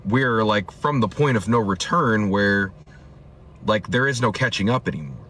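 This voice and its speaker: A man's voice: on the low side, fairly bright tone, slight background noise. A man talking earnestly to camera in a clip, asking searching rhetorical questions.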